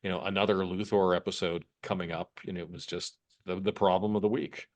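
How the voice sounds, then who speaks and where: A deep-voiced man in his fifties co-hosts a podcast. He tells his stories in a wry, anecdotal, conversational way. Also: steady tone, fairly quick. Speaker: podcast co-host. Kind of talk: casual chat.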